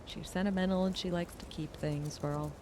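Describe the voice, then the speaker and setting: A woman playing a video game and chatting casually about the characters as she goes, with warm, animated reactions. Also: on the low side, normal speed, background noise. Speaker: game streamer. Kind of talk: casual playthrough commentary.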